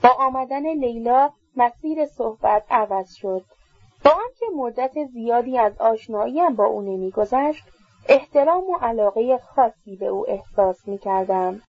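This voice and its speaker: A woman narrating a novel in a steady storytelling manner. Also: on the high side, husky, dry recording. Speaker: audiobook narrator. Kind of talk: novel read aloud. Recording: slightly dull dry recording.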